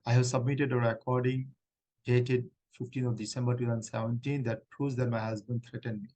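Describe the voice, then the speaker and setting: Playing a middle-aged female refugee claimant in a practice hearing, this man answers earnestly but haltingly, restarting often. The voice is mid-range with a level, warm tone and a lightly acted quality, captured on poor audio.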